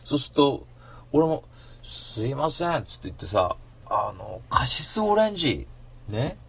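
A man hosting a radio show in a casual rambling monologue, slangy and animated, breaking into mock-angry rants. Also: medium pitch, measured pace, creaky, husky.

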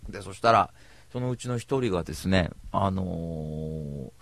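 A man's voice: deep voice, expressive, moderate pace, fairly bright tone, no room sound. A man rambling through a casual storytelling monologue, blunt and slangy, calling himself a cynic. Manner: slangy rough speech.

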